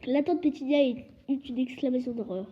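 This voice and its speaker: A woman reading a storybook aloud, steady, with occasional slips. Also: sits high, normal speed. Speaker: audiobook reader. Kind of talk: storybook narration. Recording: dull lo-fi recording.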